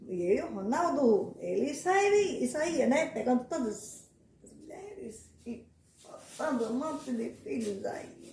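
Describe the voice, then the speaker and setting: Heard through a distant mic in an echoey room with faint noise, a woman with a high-pitched, mellow voice rambles about how letters sound in names. She repeats words as she goes and occasionally laughs at herself.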